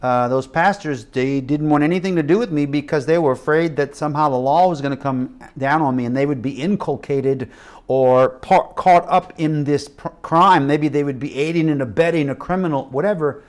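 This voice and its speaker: Animated middle-aged male preacher. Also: on the high side, normal speed. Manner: animated storytelling with acted quotes and shifting loudness. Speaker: missionary preacher. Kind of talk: sermon storytelling.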